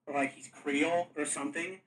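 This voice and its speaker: A man running a tabletop game as game master, explaining the setting in a halting, rambling way with frequent restarts. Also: a little high, fairly even intonation, fairly bright tone, distant mic, low-quality recording. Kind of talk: casual tabletop lore talk.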